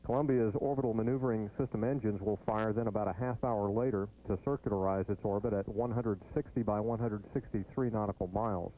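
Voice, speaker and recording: American man, formal spaceflight commentator. Low-leaning voice, measured scripted read, tinny narrowband sound. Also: steady tone. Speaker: mission control commentator. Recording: thin phone-like broadcast line.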